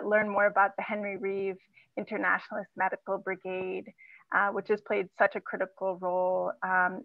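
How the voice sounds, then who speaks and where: A woman from Zimbabwe moderating an online conference, talking with many halting fillers over a video call. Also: mid-range voice, gravelly, dry recording. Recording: tinny phone-like line.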